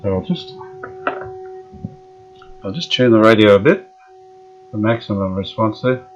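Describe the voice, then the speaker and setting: With a fairly low, unhurried voice, an Australian man talks himself through restoring a vintage radio. He's relaxed, pondering out loud and dropping frequent fillers, and the workshop audio is dull and lo-fi.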